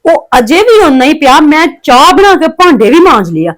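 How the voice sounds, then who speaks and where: A woman's voice: sits high, very animated, normal speed. A woman with a Punjabi accent chatting casually for a home vlog, rambling in a plaintive, homely way as she talks to her viewers. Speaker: family vlogger and mother.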